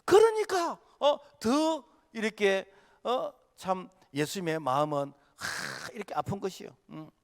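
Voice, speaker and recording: A male pastor delivering a sermon in a church sanctuary, his voice pitched very high and lively. He preaches with passion, drops in frequent "uh"s, and shifts between loud outbursts and hushed stretches. Long hall reverb trails each phrase. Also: measured pace. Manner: impassioned preaching with many filler "uh"s, swinging from loud to hushed. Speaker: senior pastor.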